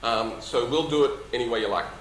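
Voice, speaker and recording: A man with a slight lisp fields audience questions at a live talk. He is emphatic and dryly humorous, in a medium-pitched voice. The room echoes around him and there is faint noise behind. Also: brisk, a bit bright. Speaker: company executive presenting and taking audience questions. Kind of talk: public talk with question-and-answer session. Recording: roomy echo, faint background noise.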